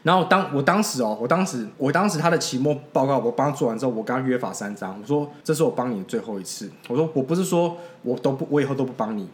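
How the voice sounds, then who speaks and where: 快语速的台湾男主持人，房间有回声. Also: male voice, medium pitch, expressive, quick pace, hardly any pauses, echoey room. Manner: rambling storyteller, laughs at his own anecdotes. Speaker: podcast host. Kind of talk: casual podcast chat.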